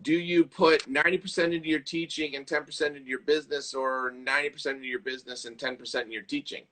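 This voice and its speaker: A man's voice: mid-range voice, fairly even intonation, fairly bright tone. A man, a golf coach, chatting enthusiastically over a live video call. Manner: enthusiastic, quick to react. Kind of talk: casual chat. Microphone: live video chat.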